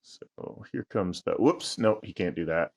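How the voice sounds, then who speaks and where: A man's voice: low voice, expressive, measured pace, gravelly. A man running an online tabletop game as game master, muttering to himself over each move. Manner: muttering to himself while deciding moves.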